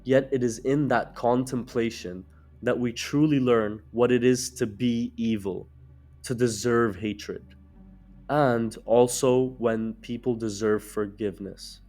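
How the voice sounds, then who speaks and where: A man with a raspy, hoarse voice from being sick, reading a scripted video essay in a measured, reflective way. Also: mid-range voice, steady tone, darkish tone, faint music behind. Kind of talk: scripted narration.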